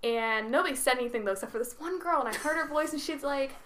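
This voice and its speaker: Laughing, animated woman storyteller. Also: high voice, fast. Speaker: podcast co-host. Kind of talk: casual chat.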